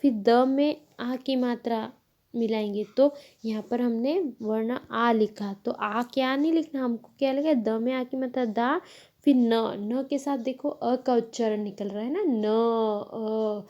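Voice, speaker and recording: A woman teacher slowly walking children through a lesson, explaining each step patiently and correcting herself as she goes. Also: on the high side, a little mellow. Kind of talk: Hindi grammar lesson.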